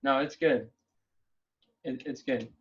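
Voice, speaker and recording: A man's voice: medium pitch, fairly even intonation, takes it slowly. A man leading a casual planning call over a video link, thinking aloud in an upbeat way. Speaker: meeting leader. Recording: dull lo-fi call audio.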